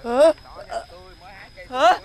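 A man's voice: very high voice, extremely slow, exaggerated voice. A man playing a simple-minded, stuttering chicken seller who talks in a whiny, fretful way in a TV fairy-tale drama. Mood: stammering, fretful. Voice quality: heavy stutter.

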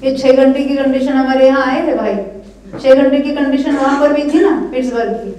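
This scripture teacher, an older woman with a high, mellow voice, speaks at a moderate pace and with fairly even intonation. She delivers an earnest, encouraging talk at a religious study camp and keeps checking in with listeners, heard distantly in an echoey hall.

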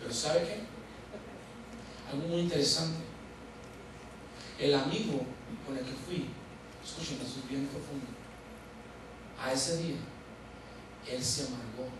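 A male pastor preaching a sermon, voicing people in his story and moving into earnest appeals. He is picked up from a distance in a very echoey church hall. Steady noise sits under his voice. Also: medium pitch. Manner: acts out dialogue, then slows to earnest exhortation. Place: large church sanctuary.

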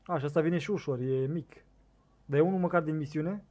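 A young man with a Romanian accent giving casual commentary on a fishing game, excitable and talking to his viewers, on a desk microphone set too loud. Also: on the high side. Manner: excitable, shouts bursts at the game, talks to viewers. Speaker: gaming streamer.

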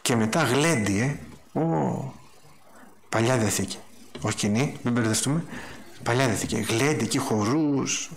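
Male preacher, mid-pitched, animated storyteller who acts out dialogue in the sermon. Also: gravelly, pauses often.

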